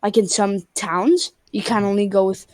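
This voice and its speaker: In a medium-pitched, steady, slightly mellow woman's voice at a moderate pace, a twelve-year-old-ish girl from Spain chats with a stranger's ease on a video call. The sound is dry and studio-clean, and she leans on "like" and frequent restarts.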